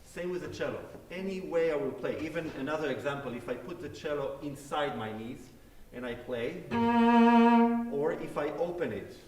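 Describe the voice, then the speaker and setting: A guest cellist with a voice on the high side answers questions from a concert audience at a normal pace, faint music behind him. He's a native Hebrew speaker who explains things in a friendly way and demonstrates as he speaks, his voice echoing from afar in the hall.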